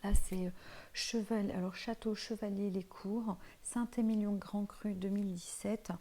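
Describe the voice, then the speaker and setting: Her mid-range voice is steady, mellow, and unhurried as this vlogger, who has Portuguese roots and lives in France, talks through empty products from a tiled room at home. She chats informally to viewers with plenty of hesitant fillers.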